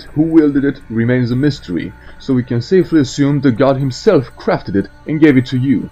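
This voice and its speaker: A man's voice: mid-range voice, warm tone. A man delivering scripted video game lore narration as a storyteller, with irreverent joking asides. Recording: muffled voice over faint music.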